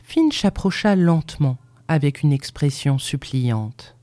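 A woman reading a novel aloud as a narrator, in an unhurried and expressive storytelling manner. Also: deep voice, dry recording. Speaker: audiobook reader.

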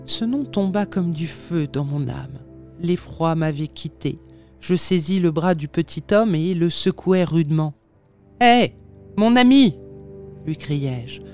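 A narrator reads a classic tale aloud in a measured, dramatic way. The voice sits at a middle pitch. Soft music plays faintly under the reading.

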